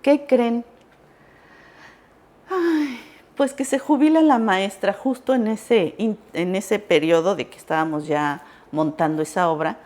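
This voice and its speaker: A woman's voice: medium pitch, a little slow, a little mellow. A woman telling a personal story casually, animatedly acting out the voices she quotes. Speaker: recipe vlogger.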